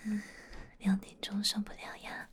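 Softly whispering young woman streamer. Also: medium pitch, completely flat delivery, normal speed, husky. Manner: teasing, playful whisper. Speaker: livestream host. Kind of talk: late-night whispered livestream chat.

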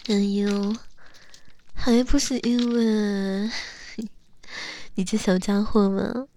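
A young woman acting a teasing, coaxing young woman who calls herself big sister, in an intimate role-play audio spoken close to the mic with soft whispers. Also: mid-range voice, level tone, very slow.

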